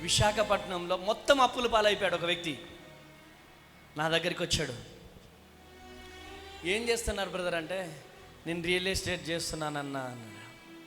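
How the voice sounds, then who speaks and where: A woman's voice: on the low side, expressive, moderate pace, pauses often, a bit bright. A middle-aged woman pastor preaching a revival sermon, urging her congregation to clap and say amen. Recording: reverberant hall with faint music.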